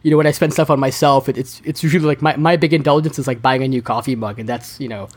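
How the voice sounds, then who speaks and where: A man chatting as a podcast guest, talking fast with many restarts and repeated words. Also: medium pitch, fairly even intonation. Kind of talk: casual interview chat.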